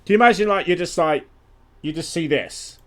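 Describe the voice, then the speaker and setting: A man's voice: a little high, fairly quick. A young man streaming a game, chatting casually and animatedly, swearing freely. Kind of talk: casual gaming chat.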